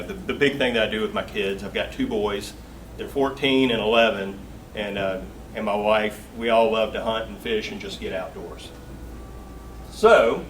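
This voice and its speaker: A man's voice: medium pitch, fairly bright tone. A man in his forties with a Southern Georgia accent, giving a joking, folksy company talk. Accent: Southern US, Augusta Georgia. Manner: folksy and joking, with filler words. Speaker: guest speaker. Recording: distant mic with faint room noise.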